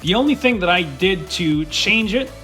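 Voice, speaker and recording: A young man streams excitedly through a tour of his home desk gear, rambling and swearing casually as he goes. His voice is slightly high and bright, close on a studio mic, with faint music under him. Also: normal speed. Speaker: streamer showing his setup. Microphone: studio USB/XLR dynamic mic.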